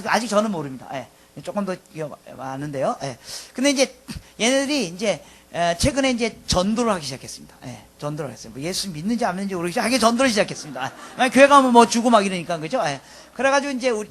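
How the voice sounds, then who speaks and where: A pastor in his fifties preaching a sermon, swinging from loud emphatic lines to soft, quiet asides. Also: high voice. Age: 50s.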